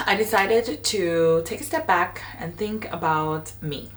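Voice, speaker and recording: Chatty woman, slightly low voice. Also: slow pace, fairly bright tone, recorded from a distance. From Saint Vincent and the Grenadines. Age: late 20s. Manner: candid, chatty, emphatic. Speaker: vlogger. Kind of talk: casual talk to camera. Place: home in Hong Kong, bathroom.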